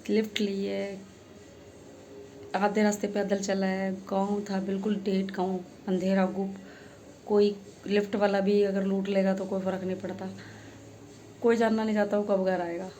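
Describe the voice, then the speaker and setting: A woman's voice: medium pitch, little pitch movement, moderate pace, warm tone, slight background noise. Earnest woman telling a heartfelt story. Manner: earnest, emphatic, with rhetorical questions. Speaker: social media creator.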